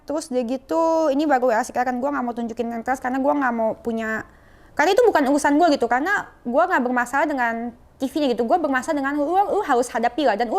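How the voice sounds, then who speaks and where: A woman with a Jakarta colloquial accent who talks straight to camera, scolding and confrontational, and keeps calling her viewers "guys". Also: sits high. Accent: Jakarta colloquial Indonesian. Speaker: vlogger. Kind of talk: casual angry rant to camera.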